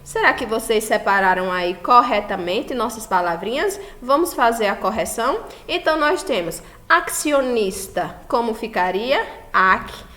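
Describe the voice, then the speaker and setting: A Brazilian woman teacher giving a recorded class, explaining slowly and patiently and often checking that students follow. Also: fairly high pitch, lively intonation, a bit bright. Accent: Brazilian Portuguese. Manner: slow, patient explaining with frequent checks for understanding. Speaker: school teacher.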